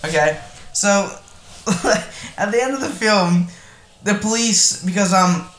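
High-voiced sarcastic man. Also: takes it slowly. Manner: animated, sarcastic, acts out quotes. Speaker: podcast co-host. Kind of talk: casual film review chat. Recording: echoey room with faint noise.

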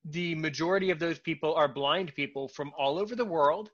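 A male podcast host with a bright, forceful, fairly high voice, who halts and repeats himself, filling pauses with ums. The sound is dull and lo-fi. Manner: halting, repeats words, many fillers. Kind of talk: casual podcast talk.

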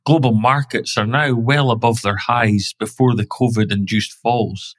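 A man hosting a podcast, reading scripted financial commentary in a measured, wry way and stressing key words. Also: mid-range voice, steady tone, no room sound. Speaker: podcast host.

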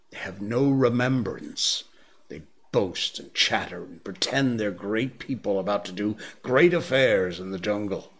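A man's voice: lowish voice, heavily acted. A man voicing a stern old bear who lectures a boy solemnly, in a storybook reading.

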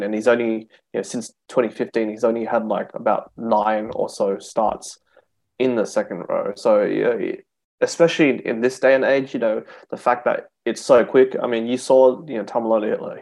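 Male podcast guest, lower register, casual sports discussion, tentative phrasing padded with "you know". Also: a little mellow, poor audio.

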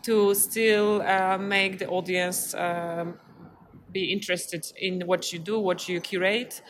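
Against clearly noisy ambient sound, a Polish festival programmer with a Polish accent responds to interview questions in a hesitant, thoughtful way. Her voice is on the low side with fairly even intonation, and she takes it slowly.

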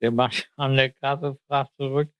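A man with a gravelly voice telling jokes among friends, laughing after his punchlines. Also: mid-range voice, level tone, measured pace, no room sound, highs cut off. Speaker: joke teller.

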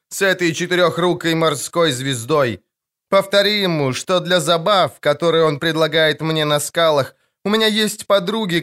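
A shrill, sing-song young sea siren, vain and quick to whine about her sacrifices, put on by a male audiobook reader. She squeals high above the narrator's own tone and drags out her complaints. Her speech has a fairly high, lightly raised ring throughout. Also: a bit bright. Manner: sing-song, whining, indignant. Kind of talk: audiobook character voice.

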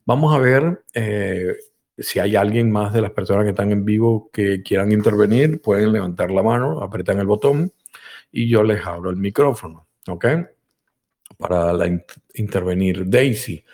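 A man's voice: lowish voice, normal speed, darkish tone. A man hosting a live call-in talk, telling a joke animatedly and acting out voices and engine sounds. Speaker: host. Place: live online broadcast.

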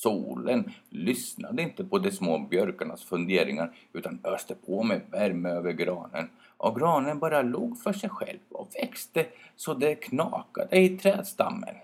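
A man with a low, gravelly, somewhat husky voice reads a children's fairy tale aloud. His delivery is expressive, rising and falling a lot, with the odd small hesitation along the way. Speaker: storyteller. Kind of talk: children's story reading.

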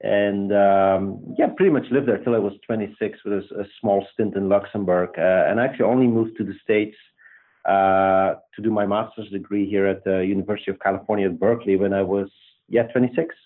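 A man's voice: on the low side, steady tone, a little fast. A man with a Belgian accent, a company founder being interviewed, talking thoughtfully with many fillers and restarts. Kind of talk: casual interview talk. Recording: tinny phone-like line.

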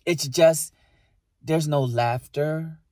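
A man's voice: on the high side, extremely slow, a little mellow, dry recording, clean studio sound. A man co-hosting a podcast, talking casually and emphatically about relationships, with lots of rhetorical questions. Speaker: podcast co-host.

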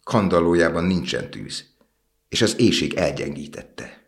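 A man reading a storybook aloud and voicing a gentle, selfless prince statue who speaks in an imploring way. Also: low-pitched, animated. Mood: sorrowful.

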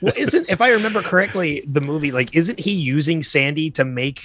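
A man's voice: fairly high pitch, lively intonation, a little fast, fairly bright tone, slight background noise. A man, a guest on a podcast, chatting casually and agreeably about films. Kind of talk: casual film chat.

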